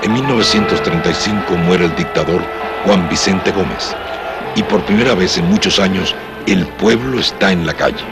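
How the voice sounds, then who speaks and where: A man's voice: deep voice, normal speed, vocal fry, over loud music. A man reading scripted narration as a documentary narrator.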